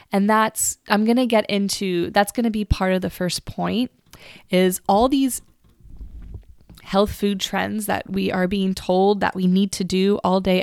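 A woman's voice: mid-range voice, creaky, a little mellow, clean tone, no echo. A young woman in her twenties hosting a solo podcast, talking in an earnest, chatty way that often repeats words as she restarts. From United States. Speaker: podcast host. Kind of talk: casual solo podcast talk. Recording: dry close recording.

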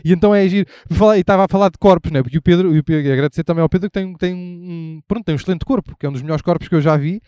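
Fast, high-voiced irreverent Portuguese man. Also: dark tone, clean tone, no echo. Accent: European Portuguese. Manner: irreverent, swears a lot, rambling with many restarts and asides. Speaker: podcast host. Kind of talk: casual rambling monologue while walking outdoors. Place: outdoors on a city street. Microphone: handheld mic while walking in the street.

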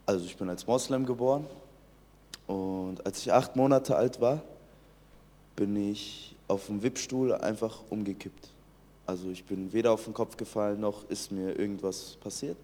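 A young man from Iran in his late teens earnestly shares his personal faith testimony, frequently restarting his sentences. His voice is fairly low and warm, his pace moderate, and the sound carries the echo of a big room.

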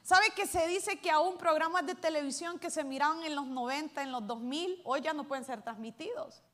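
A woman pastor, preaching a sermon to her church, swinging between loud calls to the congregation and hushed asides. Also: high voice, moderate pace.

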